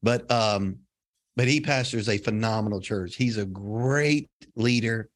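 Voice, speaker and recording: A man's voice: fairly low pitch, unhurried. A man from Louisiana co-hosting a podcast, bantering and teasing his guest in a casual conversation. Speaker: podcast co-host.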